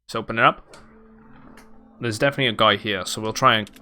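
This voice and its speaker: A man's voice: fairly low pitch, steady tone, fast, sharp tone, faint music behind. A man giving casual let's play commentary, thinking aloud as he plays. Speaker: gaming YouTuber.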